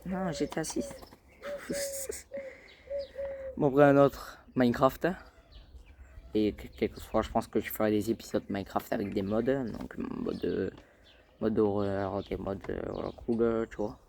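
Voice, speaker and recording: A man's voice: lowish voice, moderate pace, gravelly, darkish tone, slight background noise. A man hosting a casual gaming vlog, rambling and hesitant, with lots of fillers and repeated call-outs to his viewers. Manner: keeps addressing viewers as "les gars". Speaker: gaming channel host.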